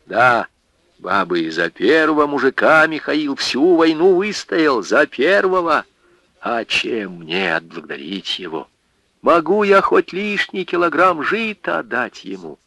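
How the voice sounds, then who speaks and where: A man's voice: a little high, big pitch swings, unhurried, pushed and bright, no echo, voice pushed up, full character voice. A man voicing a grieving, grateful village woman who leads the farm and speaks heartfelt and pleading.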